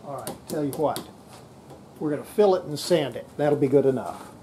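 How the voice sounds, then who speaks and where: An older radio repairer shows off a restoration at his indoor workshop bench, offering casual, folksy hands-on commentary in an animated, dark-toned voice of medium pitch at normal speed. The camera audio is noisy and full of clicks.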